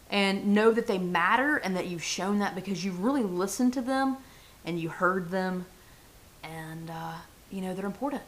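A woman's voice: mid-range voice, a bit bright. A woman hosting her own podcast, talking straight to her listeners in an upbeat, chatty way about leadership and life. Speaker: podcast host. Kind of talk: solo motivational podcast talk.

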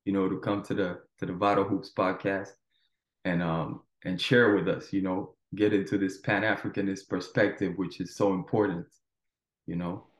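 A man's voice: low voice, level tone, normal speed. A man hosting a podcast interview in an informal, affirming, conversational way. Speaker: podcast host. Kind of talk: casual interview chat. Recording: echoey, roomy sound.

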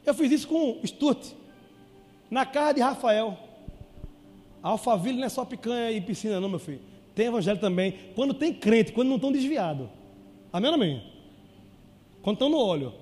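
A man with a Brazilian Portuguese accent preaching a sermon, acting out conversations with call-and-response and shouted peaks. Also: very high voice, animated, a little fast, pauses often, long reverb tail. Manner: call-and-response, repeatedly asking "amém ou não amém?".

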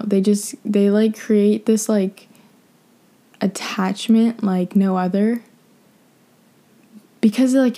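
A young woman talks casually and frankly on her podcast, swearing often and wandering through her thoughts. Her voice is mellow and dark, with a gravelly, creaky texture. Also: mid-range voice. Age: young adult. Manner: frank, profane, rambling with many fillers. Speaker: podcast host. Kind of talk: casual advice monologue.

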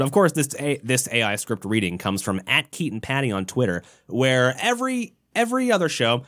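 A man's voice: medium pitch, fairly bright tone, no room sound, studio quality. A man hosting a casual comedy show, rambling and self-mocking in an exasperated, sweary way. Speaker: show host.

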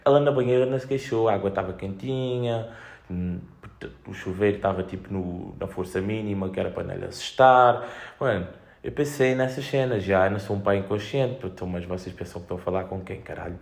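A man's voice: sits low, quick pace, vocal fry. A young man with a European Portuguese accent, chatting casually on his own in a slangy, sweary, joking way, telling rambling anecdotes as a podcast host.

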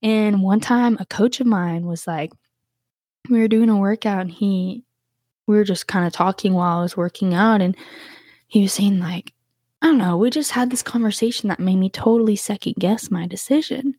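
Chatty young woman with a mellow voice. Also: moderate pace, no room sound, studio quality. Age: young adult. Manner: chatty, full of "like" fillers, jumps high when acting out others' words. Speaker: podcast host. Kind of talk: casual personal storytelling.

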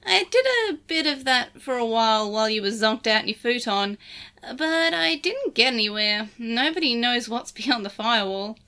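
A woman voicing a gruff, blunt-talking Digimon partner creature. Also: a little high, lively intonation, moderate pace, pushed and bright.

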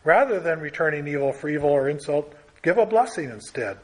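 A man's voice: fairly high pitch, animated, a little fast. A man preaching a Bible teaching sermon in an earnest, emphatic way, building through lists and pressing key words.

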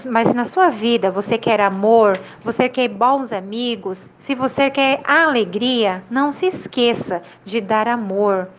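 Woman telling as a gentle, loving father. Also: on the high side, slight background noise, lightly acted, low-quality recording. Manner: calm, gentle, explaining. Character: loving father, gently teaching his son.

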